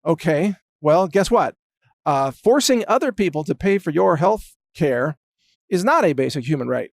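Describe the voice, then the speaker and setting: A male host delivers a sarcastic political monologue with a fairly high voice. His sound is close and dry, with no room around it. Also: animated, normal speed, creaky, dry recording. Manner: sarcastic, mocking.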